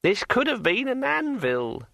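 A domineering magic sword speaks in a high, ringing voice that draws every word out slowly, as a man acts it. The delivery is bright and lively, with a dry, close sound. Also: gravelly, no echo, exaggerated voice. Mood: bossy. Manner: slow and drawn out. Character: pushy talking magic sword, male, bossy.

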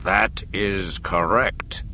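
A man voicing a sinister old emperor who gloats in a slow, drawn-out, menacing way. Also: low-pitched, fairly even intonation, sharp tone, a little hiss or hum, heavily acted. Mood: gloating.

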